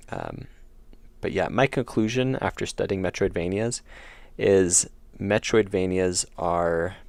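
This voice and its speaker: Recorded without room sound, a low, creaky-voiced young man chats casually with his livestream viewers while building an indie game, responding to their comments. Feeling a bit ill and losing his voice, he rambles and corrects himself along the way.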